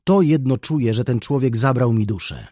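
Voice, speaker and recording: A man reading an audiobook, voicing a gentle young woman who speaks with passion and defiance about love. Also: medium pitch, normal speed, no echo, studio quality, pitched above the performer's own voice, close to an everyday voice. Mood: impassioned. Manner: passionate, pleading, rising to outbursts.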